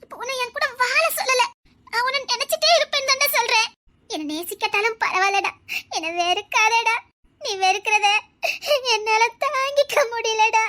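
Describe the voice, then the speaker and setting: A woman's voice: very high voice, moderate pace, bright, forceful tone. A woman with a Tirunelveli Tamil accent playing a stubborn, devoted young woman in a comedy skit, pleading and teasing. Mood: tender. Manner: tearful pleading turning to playful teasing. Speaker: lead character in a comedy skit. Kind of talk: melodramatic skit acting.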